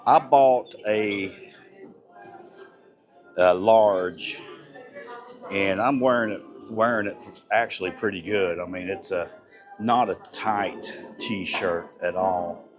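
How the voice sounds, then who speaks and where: A man live-streaming as he walks through an outdoor theme park at night, excited and a little breathless, rambling and chatting with passersby on a handheld phone. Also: low-pitched, slow pace, long pauses, faint music behind. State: slightly breathless. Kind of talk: casual walking live-stream chat.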